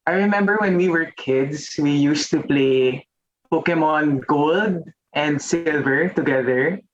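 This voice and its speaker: Slightly high-voiced and a little slow, a man trades conversational lines in an improvised comedy scene on stage. The recording of the performance is muffled and a bit noisy.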